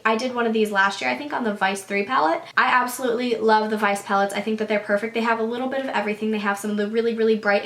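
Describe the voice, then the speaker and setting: A woman's voice: medium pitch, a bit bright. A young woman in her twenties with a congested voice that has not fully recovered, chatting casually through a product review to camera, full of "like" and "so". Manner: chatty, frequent "like" and "so". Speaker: beauty vlogger. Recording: roomy echo.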